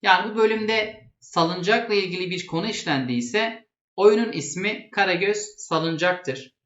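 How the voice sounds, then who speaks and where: Casting: male lesson presenter, high-pitched voice, didactic and plain, echoey room. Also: a little slow, a bit bright. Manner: didactic, restating terms plainly. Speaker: presenter explaining traditional theatre. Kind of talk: explanatory lesson. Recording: echoey, dull lo-fi sound.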